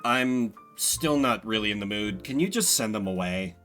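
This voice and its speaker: A man voicing a weary, dejected young male attorney in a video game, with a flat, reluctant delivery. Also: lowish voice, moderate pace, soft background music, pitched below the performer's own voice. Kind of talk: amateur voicing of a visual novel game.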